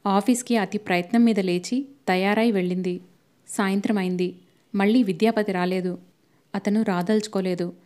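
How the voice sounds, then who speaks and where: A woman narrating a novel as an audiobook, in a steady, expressive storytelling manner. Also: medium pitch, moderate pace.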